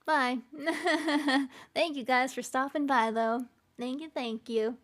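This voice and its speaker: A woman talks casually with her chat during a live stream, her voice high, steady, fairly bright and slow-paced. Giggly by nature, she laughs frequently between lines and trails off with fillers.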